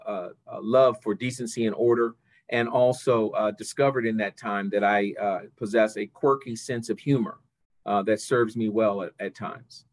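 An older man with a somewhat low voice answers as an interview guest on a video call. He talks conversationally but haltingly, with many pauses as he gathers his phrases. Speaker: interview guest, church district superintendent.

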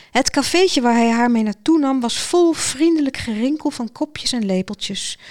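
Woman reading a fairy tale, fairly high voice, lively and expressive. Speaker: narrator. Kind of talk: storybook narration.

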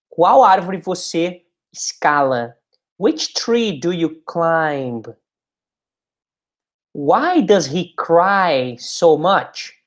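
Woman, English teacher, lowish voice, unhurried repeat-after-me drills. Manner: slow, drawn-out English model phrases between quick asides in Portuguese.

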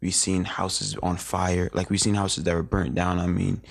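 A man's voice: deep voice, little pitch movement, moderate pace, gravelly. A young man in his late teens, a guest in a casual interview, rambling through his memories with lots of filler words and restarts.

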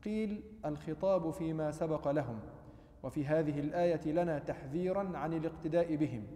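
A man, a student in the lesson, reading a classical commentary aloud in a measured, steady recitation. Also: a little high, echoey room, long reverb tail. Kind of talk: formal text reading.

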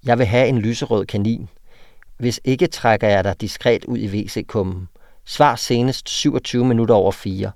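Danish man, writing teacher, low voice, halting and filler-heavy, dry recording. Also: darkish tone, no echo. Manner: hesitant, many fillers when explaining. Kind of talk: interview talk and reading student texts aloud.

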